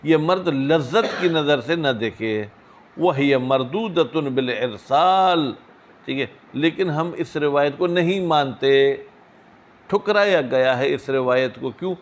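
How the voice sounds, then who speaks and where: Reading Arabic phrases slowly to his seminary students, a man with a fairly high voice follows each one with fast asides full of questions as he explains the legal text in this classroom lecture.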